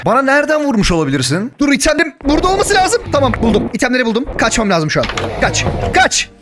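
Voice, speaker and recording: A young man narrating and reacting to his Minecraft survival game, joking and yelling in panic when chased. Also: very high-pitched. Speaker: gaming YouTuber. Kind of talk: Minecraft let's play with story narration.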